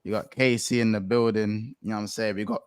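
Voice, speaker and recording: A man's voice: on the low side, fairly even intonation, quick pace, clear, resonant tone, no echo, studio quality. A man with a London roadman accent, hosting a football fan show in casual, slang-heavy street talk. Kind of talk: casual chat.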